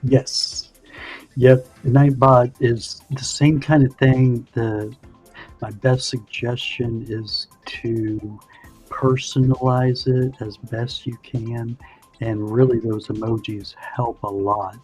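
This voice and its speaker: A man's voice: medium pitch, level tone, slow, a little mellow, husky, soft background music. A man hosting a livestream, chatting casually and explaining things in a rambling way with lots of "you know". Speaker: livestream host. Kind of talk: casual chat.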